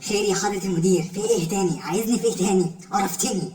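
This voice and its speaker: Rapid-fire grumbling Egyptian man, echoey. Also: high voice. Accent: Egyptian Arabic. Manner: exasperated grumbling, rapid complaints. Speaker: office employee in a comedy sketch. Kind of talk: comic sketch acting. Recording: echoey room, distant mic, background noise.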